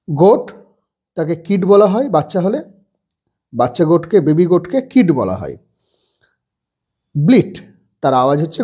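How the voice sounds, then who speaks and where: Teacher going thru an english workbook for little kids, patient, lots of "ah" pauses, mellow kinda breathy voice. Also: medium pitch. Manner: explains step by step, many drawn-out "ah" fillers. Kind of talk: explaining a school grammar book.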